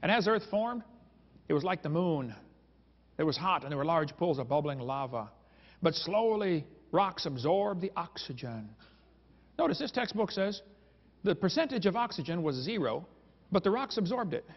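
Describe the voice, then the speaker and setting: A man with a fairly high voice lectures a live crowd, cracking sarcastic jokes and chuckling as he tells his stories. His voice rings out with a long reverb in a big hall. The sound is dull and lo-fi. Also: animated, moderate pace. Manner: joking, sarcastic storytelling with chuckles. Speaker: creationist speaker. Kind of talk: humorous lecture to a live audience.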